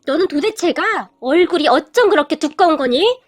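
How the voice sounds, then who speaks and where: Woman putting on a shrill, snobbish rich mother. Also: lively intonation, normal speed, no echo, studio quality. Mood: haughty. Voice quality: sneering, scornful. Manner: yelling, contemptuous.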